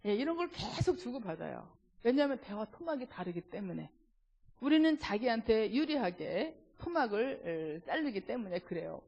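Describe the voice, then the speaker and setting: Lively woman lecturing in a reverberant hall. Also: fairly high pitch, normal speed, gravelly. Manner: lively, asks the audience rhetorical questions; acts out quarrels between spouses in quoted voices. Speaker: seminar lecturer. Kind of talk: church family-healing seminar lecture. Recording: dull lo-fi recording in a reverberant hall.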